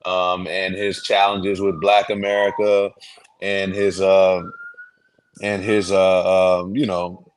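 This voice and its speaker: A man's voice: low voice, monotone, slow pace, a little hiss or hum. A man co-hosting a casual podcast, rambling with many restarts and getting worked up as he goes. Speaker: podcast co-host. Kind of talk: casual sports podcast chat.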